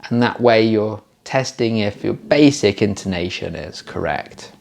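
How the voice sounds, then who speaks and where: A man's voice: on the low side, a little slow, gravelly, a little mellow. A man teaching exam pronunciation in a patient, explanatory way, showing how stress and intonation work. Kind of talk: explanatory lesson.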